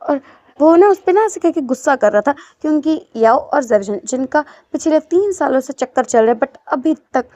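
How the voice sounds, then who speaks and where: A woman's voice: high-pitched, lively intonation, normal speed, warm tone, dry recording. A woman narrating a fan-fiction story in a chatty, casual way full of fillers. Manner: chatty, loose filler-heavy retelling. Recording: dull lo-fi dry recording.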